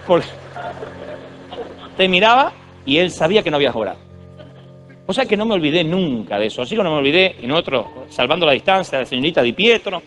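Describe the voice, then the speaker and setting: A man's voice: on the high side, sing-song, fast, pauses often, fairly bright tone, soft background music. A man in his thirties with an Argentine accent, giving a humorous, digressive sermon full of stories. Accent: Argentine Spanish. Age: 30s. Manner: storytelling, digressive, jokey. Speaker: preacher.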